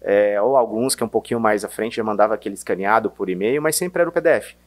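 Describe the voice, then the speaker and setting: A man from Minas Gerais with a softened Mineiro accent, talking casually as a sales guest, hesitant with many restarts and fillers. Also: on the low side, fast talker. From Minas Gerais, Brazil. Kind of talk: casual interview chat.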